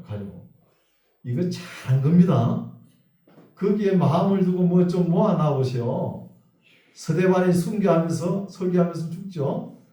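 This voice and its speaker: Dark-voiced pastor preaching in an echoey hall. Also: male voice, a little high, distant mic. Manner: reads scripture slowly, then talks in a conversational, joking way. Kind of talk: sermon. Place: church sanctuary.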